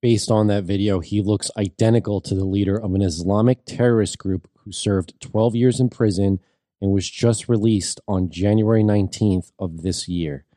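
A man's voice: on the low side, steady tone, moderate pace, dark tone, dry recording, studio quality. A man co-hosting a news show, reading out reports hesitantly with many fillers. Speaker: co-host.

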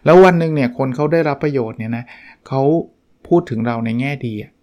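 A man with a mid-range, a little mellow voice hosts a book review podcast alone, speaking at a quick pace. He is chatty and casual, acting out brief quoted examples as he goes.

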